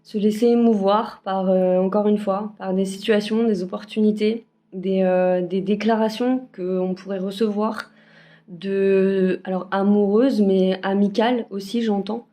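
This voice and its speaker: A woman talks through her weekly card-reading forecast in a loose, halting way, full of fillers and restarts. Her voice sits at a middle pitch and has a warm, mellow tone. She records it on her phone. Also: steady tone. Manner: hesitant, many fillers and restarts. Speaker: spiritual card reader. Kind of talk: casual weekly energy forecast. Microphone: phone camera.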